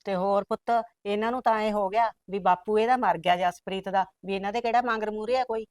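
A woman's voice: medium pitch, steady tone, fast talker, dry recording, clean studio sound, close to an everyday voice. A woman playing a pleading older village mother. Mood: weary. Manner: soft coaxing pleas, repeated "putt". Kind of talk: rural family drama acting.

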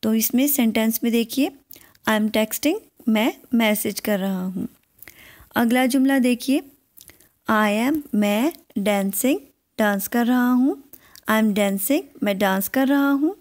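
A woman with an Urdu accent teaching English in a slow, patient language lesson, repeating each word and then giving its translation. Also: on the high side, darkish tone.

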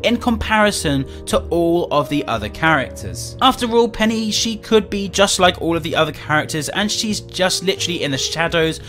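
A man explaining a game theory in a measured way, dropping in "you know" as he goes. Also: sits high, expressive, fairly bright tone, faint music behind. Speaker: video creator explaining a theory.

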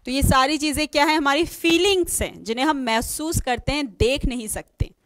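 A woman's voice: sits high, moderate pace, fairly bright tone, dry recording. A woman teaching an online exam-prep lesson, spelling words out letter by letter and asking questions she then answers herself. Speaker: English teacher.

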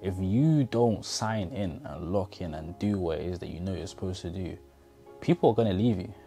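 Soft music plays behind a low, warm male voice at a moderate pace. A motivational vlogger in his twenties gives an earnest pep talk directly to the viewer from his bedroom, recorded on a clip-on lapel mic.

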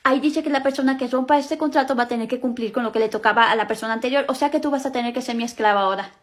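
A woman's voice: a little high, racing, lightly acted. A woman playing a scheming young sister, bossy and sly, in a comedy skit.

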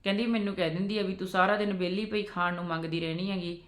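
A woman's voice: on the low side, steady tone, fast talker, echoey room. A woman telling a family story aloud, with frequent "she says" tags in a chatty way. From Punjab. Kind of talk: spoken storytelling with quoted dialogue.

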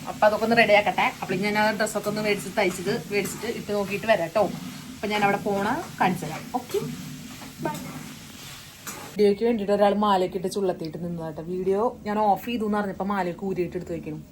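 Young woman, fast chatty vlog, excitable, handheld phone, home kitchen, clear background noise. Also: medium pitch. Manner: chatty and excitable, addresses viewers as guys. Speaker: vlogger. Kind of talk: casual vlog chat.

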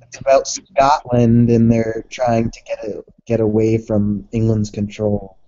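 A young man chatting casually, rambling, animated and swearing. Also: on the low side, measured pace, dry recording. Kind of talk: casual chat. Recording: dull, dry lo-fi recording.

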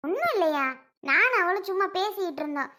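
A bossy, impatient young sister, as a woman plays her. She scolds in a sharp, bright and very high voice in a family skit. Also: expressive, fast talker, exaggerated voice. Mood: scolding.

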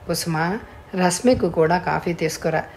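A kind, middle-aged uncle figure from a storybook, talking in a soft, hushed and coaxing voice, as a woman narrator plays him. The tone is low and quieter than the narration. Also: a little slow, slight background noise, close to an everyday voice. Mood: gentle.

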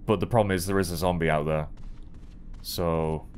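A man's voice: deep voice, steady tone, normal speed, a little mellow, slight background noise. A man in his thirties giving casual, jokey, sweary let's play commentary, thinking aloud as he goes. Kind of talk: casual horror game commentary.

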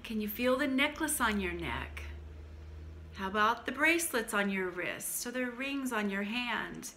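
Middle-aged female coach, slow and soothing, leading a calm grounding exercise; crisp bright tone, faint background noise. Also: on the high side. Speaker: mental health coach, channel host. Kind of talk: calm guided grounding exercise, spoken to camera. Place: small furnished room at home, indoors.

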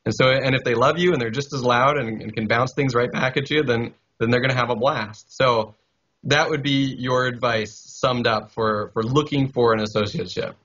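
Man in his thirties, podcast host, easygoing, slightly husky voice, lo-fi headset audio. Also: medium pitch, fairly even intonation, normal speed, fairly bright tone. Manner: easygoing, affirming listener. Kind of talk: interview questions. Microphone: headset mic on a video call. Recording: dull, lo-fi call audio.

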